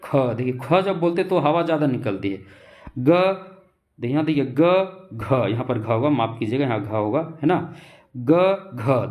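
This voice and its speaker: A man teaching an exam-prep grammar lesson, speaking slowly and repetitively, asking questions and answering them himself, and drawing out letter sounds as examples. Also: on the high side, darkish tone. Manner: slow and repetitive, keeps asking and answering his own questions; stretches out letter sounds when demonstrating.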